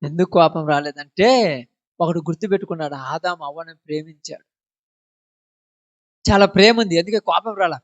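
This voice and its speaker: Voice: medium pitch, normal speed, pauses often, lo-fi sound. Preacher firing questions. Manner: fires rhetorical questions at the congregation. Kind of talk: sermon.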